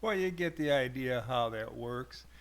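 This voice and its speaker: A man casually walking through his own software in a screen-recorded tutorial, hesitant, with many fillers. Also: medium pitch, lively intonation, a little slow, very noisy. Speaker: hobbyist programmer demoing his software.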